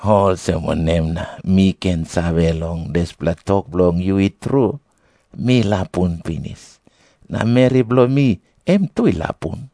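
A man's voice: low voice, animated, slow pace, dark tone, no echo, clean studio sound, full character voice. A man playing a doubting elderly priest in a scripture drama, speaking Papua New Guinean Pidgin with a Papua New Guinean accent. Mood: doubtful.

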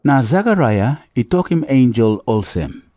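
Animated Papua New Guinean Pidgin male narrator. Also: medium pitch, unhurried, no room sound, studio quality. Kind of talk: scripted scripture narration.

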